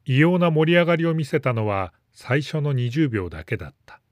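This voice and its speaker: A man reading a story aloud in a calm, measured narration. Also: a little high, no echo, clean studio sound. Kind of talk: scripted narration.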